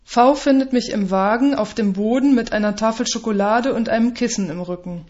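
A woman's voice: fairly high pitch, brisk, a little mellow. A woman narrating a story aloud in a wry, understated manner, in a dull lo-fi recording.

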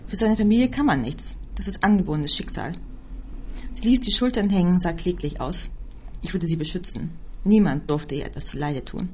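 A woman reading a first-person story aloud as scripted narration, with a husky voice. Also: on the low side, lively intonation, normal speed, darkish tone, a little hiss or hum. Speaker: audiobook reader. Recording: dull lo-fi recording.

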